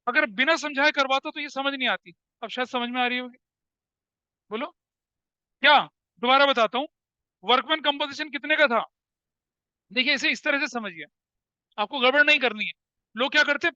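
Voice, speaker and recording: A man's voice: very high voice, pushed and bright, dry recording, highs cut off. A man in his forties teaching an accountancy class. He keeps questioning his students, repeats his points, and calls them "beta". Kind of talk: classroom lecture mixing Hindi and English.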